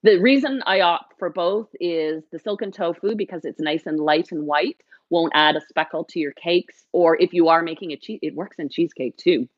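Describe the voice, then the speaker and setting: A woman's voice: fairly low pitch, normal speed, few pauses, dry recording, muffled recording. A middle-aged woman hosting a live baking lesson, chatting and cheering on viewers as she works in her kitchen. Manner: chatty and encouraging, talks to viewers directly. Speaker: baking show host.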